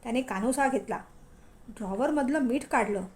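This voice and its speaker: High-voiced woman storyteller. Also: moderate pace, darkish tone. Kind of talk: scripted story narration.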